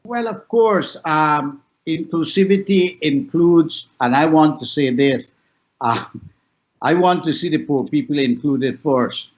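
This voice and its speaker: A man's voice: takes it slowly, dull audio. A Guyanese man in his sixties, a professor speaking on a panel discussion, making his points emphatically with repeated lists. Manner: emphatic, repetitive lists, rising and falling pitch.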